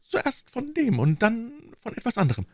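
Man doing a high urgent young wife. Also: wildly swooping pitch, normal speed, darkish tone, dry recording, clean studio sound, heavily acted. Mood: urging. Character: anxious, determined young wife. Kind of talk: audiobook reading.

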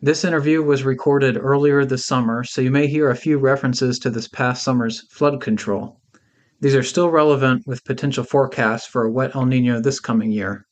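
A man hosting a podcast, reading a scripted introduction in a measured, informational way. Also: medium pitch, steady tone. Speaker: podcast host.

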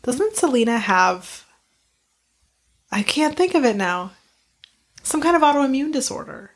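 A young adult woman co-hosting a podcast in casual chat, supportive and quick to chime in. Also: high voice, sing-song. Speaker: podcast co-host.

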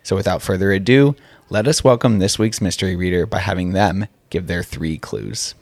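A man's voice: low voice, normal speed, a little mellow, no echo. A man speaking as a podcast host, giving scripted announcements.

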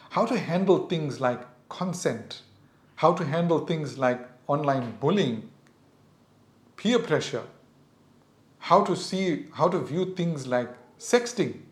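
A middle-aged South African man hosts a podcast, offering parents earnest advice in a reflective monologue. His voice sits on the high side and the recording is reverberant.

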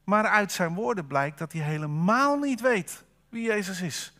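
A man's voice: high-pitched, expressive, measured pace, bright, forceful tone. A man preaching a sermon at a church service, in a conversational way, asking the congregation rhetorical questions.

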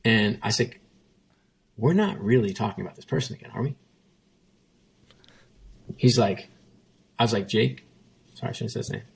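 Pausing often at a normal speed, this ex-CEO speaks in a low-leaning voice with vocal fry and a breathy edge. As a guest in a casual interview he tells a story emphatically, going over his points again and repeating what he and others said.

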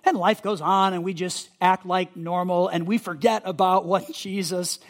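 A man's voice: sits high, fairly even intonation, moderate pace. A male pastor teaching a sermon, earnest and emphatic, repeating key words for listeners to underline in their notes.

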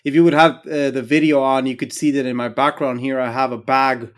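A middle-aged Guatemalan man, an academic engineer and extension specialist, answers interview questions conversationally with a Guatemalan Spanish accent. His medium-pitched voice is flat and fairly quick, and his phrasing comes in stops and starts.

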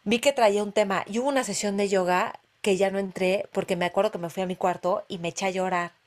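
A woman casually sharing personal stories about meditation retreats, expressive, with sudden exclamations and sound-effect words. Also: medium pitch, fast talker. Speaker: meditation practitioner.

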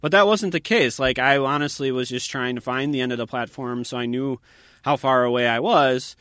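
Relaxed man telling a story. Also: medium pitch, normal speed, no echo, studio quality. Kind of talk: casual conversation, storytelling.

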